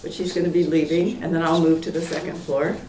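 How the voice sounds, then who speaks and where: At a public meeting in an indoor community room, a Portland, Oregon woman in her sixties presents her plan as an applicant, rambling, correcting herself and using many fillers. She's losing her voice and clears her throat, speaking fast in a deep, level tone. A table microphone sits some distance off, so she sounds distant in the echoey room, with faint noise.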